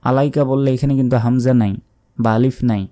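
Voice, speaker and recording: A man teaching prayer recitation, drawing out each word slowly between quick explanations. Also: mid-range voice, fairly even intonation, mellow. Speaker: religious teacher. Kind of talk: recitation lesson.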